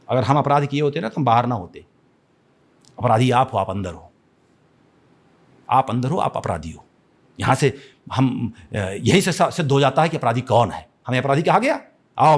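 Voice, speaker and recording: A man's voice: medium pitch, breathy edge. A man from Chhattisgarh giving a podcast interview, speaking in an impassioned, declamatory way, repeating phrases and restarting often. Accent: Chhattisgarh Hindi. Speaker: interview guest.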